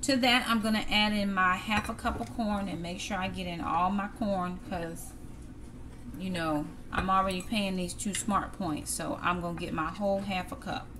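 A middle-aged cooking vlogger casually narrates making a home-cooked meal, chatting with viewers she calls "y'all." Her voice is ordinary in pitch, fairly even in intonation and moderate in pace, picked up by a camera on the kitchen counter in a noisy setting full of clattering pans, dishes and cutlery.

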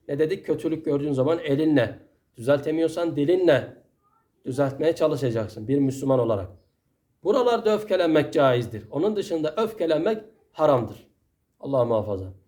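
In a mellow, slightly high voice, a Turkish-accented preacher gives an earnest Friday sermon, admonishing his listeners and asking question after rhetorical question.

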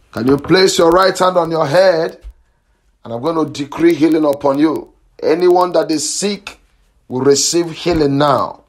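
A man leading a prayer line as a pastor, praying fervently in a repetitive, chanting and commanding way, with stretches of speaking in tongues. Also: a little high. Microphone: phone or call line.

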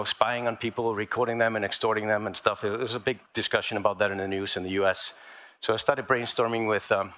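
Man presenting at a conference, low-pitched and sharp-toned, halting delivery. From Iceland. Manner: halting, many fillers and restarts. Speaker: inventor giving a talk. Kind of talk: conference talk. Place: large lecture hall, on stage.

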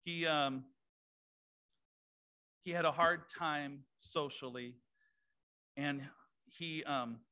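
A man's voice: fairly high pitch, sharp tone. A male pastor preaching a sermon to his congregation in a conversational way, with asides to the room. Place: church sanctuary.

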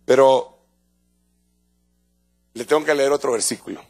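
Soft music sits in the background as a medium-pitched, middle-aged Guatemalan-accented man preaches an evangelical sermon a little slowly. As pastor, he talks to the congregation emphatically and conversationally, repeating words and restarting phrases again and again.

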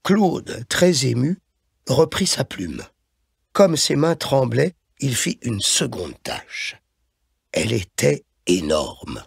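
A man reading a novel aloud as an audiobook narrator, in measured scripted narration on a close studio mic. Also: medium pitch, very animated, vocal fry, husky.

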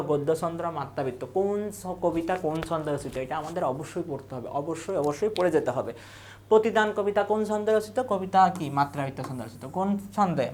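A woman teaches an exam revision class, reading the options slowly in a list and repeating each answer. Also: on the low side. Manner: reads options in a slow, falling list, then repeats the answer.

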